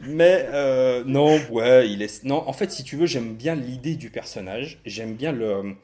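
A man hosting a casual podcast chat, animated and self-mocking, swearing freely. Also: mid-range voice, a little slow. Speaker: podcast host.

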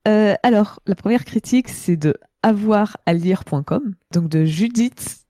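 Casual podcast panelist: woman, twenties, hoarse gravelly voice from a cold, mellow dark tone, close dry sound. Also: mid-range voice, unhurried, dry recording. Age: 20s. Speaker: podcast panelist reading out reviews. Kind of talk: casual chat.

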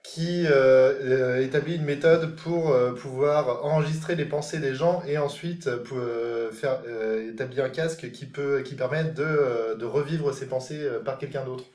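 A man's voice: mid-range voice, moderate pace, hardly any pauses, a little mellow, reverberant. A man chatting casually about films on a panel, hesitant, with many fillers and restarts. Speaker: film reviewer on a panel. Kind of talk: casual film discussion.

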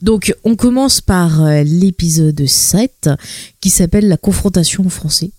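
A woman's voice: fairly low pitch, unhurried, dark tone, dry recording, studio quality. A woman from France, co-hosting a podcast and chatting casually and playfully as she recaps a series. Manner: chatty and playful, drifting into playful voices for characters. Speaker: podcast co-host.

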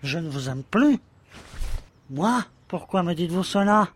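A man's voice: high voice, animated, a little slow. A man playing an adoring, anxious young lover in an amateur audio drama, talking tenderly and pressing for answers. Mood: pleading. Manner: tender, pleading, insistent. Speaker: voice actor.

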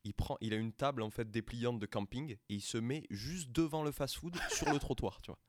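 A man's voice: mid-range voice, moderate pace, no echo, studio quality. A young man co-hosting a podcast in casual chat, full of crude slang and frequent laughter. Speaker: podcast co-host.

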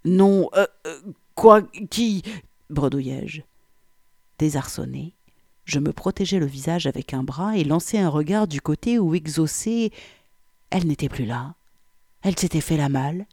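A woman's voice: low voice, lively intonation, normal speed, dark tone, slightly rough, dry recording. A woman reading a first-person story as an audiobook narrator, with wry, vivid storytelling on a close microphone.

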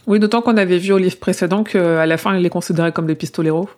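Podcast co-host, steady summarizing delivery, casual book chat. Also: medium pitch, fast talker.

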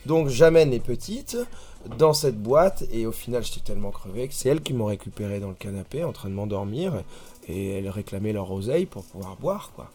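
A man, a sailor guest on a podcast, telling a long anecdote in a relaxed, laid-back way. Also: on the low side, brisk. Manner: relaxed storyteller, laid-back, many fillers.

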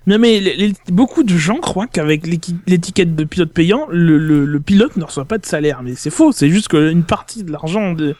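High-voiced man explaining, dry sound. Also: animated, normal speed, hardly any pauses, a little mellow, dry recording. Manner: explanatory, repeats words while thinking. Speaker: podcast co-host. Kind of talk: casual panel chat.

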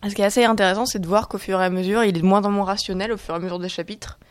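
A woman guest on a podcast, casually explaining a book in a quick, lightly amused way. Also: medium pitch, fairly even intonation, dry recording. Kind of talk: casual chat among friends.

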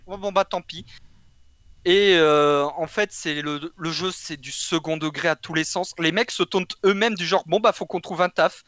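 A man's voice: fairly high pitch, moderate pace, a bit bright, smooth, dry recording. A man co-hosting a casual video game chat, joking and slangy, with lots of fillers. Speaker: game show co-host.

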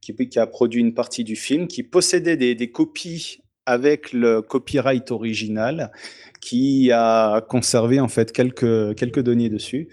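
A man, a podcast guest, calmly explaining background in casual chat. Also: mid-range voice, a little slow. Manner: explanatory, storytelling tone.

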